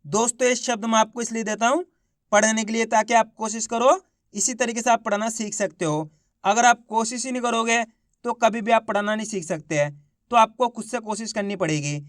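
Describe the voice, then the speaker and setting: A man teaching children to read, sounding out each syllable loudly before blending the word, then coaching viewers as friends. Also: sits high, brisk, no echo, clean studio sound. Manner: addresses viewers as friends, coaxing and repetitive. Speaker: Hindi reading teacher. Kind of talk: slow syllable-by-syllable reading lesson.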